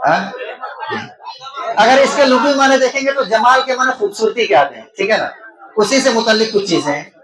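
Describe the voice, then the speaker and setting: A man with a strikingly high voice leads an exam-prep lesson in a classroom full of students. He talks loudly over the room and keeps asking the class whether they follow. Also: expressive, a crowd in the background, rough recording. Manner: checks in with the class, often asking "right?". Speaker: teacher.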